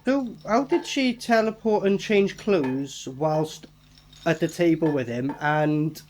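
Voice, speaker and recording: A man's voice: a little high, expressive, slow pace, darkish tone, a little hiss or hum. A man giving casual, mocking running commentary on a film, sarcastic and full of swearing. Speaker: horror film reviewer reacting while watching.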